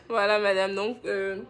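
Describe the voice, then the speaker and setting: With a mid-range, fairly bright voice and a little hiss or hum in the background, this Beninese skincare brand host chats on a live stream. She reads viewers' skincare comments aloud, replies with affection, and laughs a lot.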